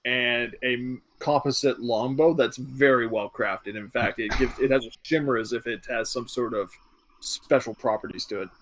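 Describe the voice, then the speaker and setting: A man's voice: medium pitch, steady tone, moderate pace, fairly bright tone, a little hiss or hum. A man narrating a tabletop game as game master, easygoing and descriptive, with fillers.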